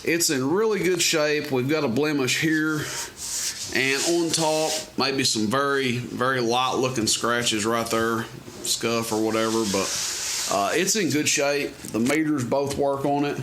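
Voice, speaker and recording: An unhurried, medium-pitched man shows off CB radios for sale, chatting in a loose, homespun, off-the-cuff manner. The amateur camera recording is noisy and has clicks.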